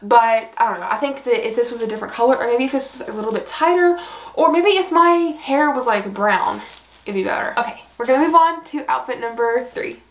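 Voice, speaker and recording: Brisk and a little high-pitched, a young fashion vlogger chats casually to camera while trying on clothes. Giggly and bubbly, she's somewhat out of breath and keeps using fillers like "like" and "I don't know."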